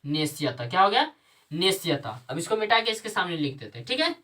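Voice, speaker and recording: A woman's voice: fairly low pitch, big pitch swings, a little fast, a bit bright, far from the mic. A woman teaching Sanskrit grammar, who asks the class questions, answers them herself and repeats the key terms. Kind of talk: classroom lesson with call-and-response questions.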